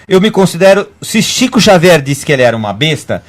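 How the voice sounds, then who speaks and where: A Brazilian man talking quickly, with many stops and restarts as thoughts pile up. His voice sits a little high for a man. He speaks as a guest on a casual web radio talk show. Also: big pitch swings. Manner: fast, rambling, frequent restarts. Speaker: guest medium.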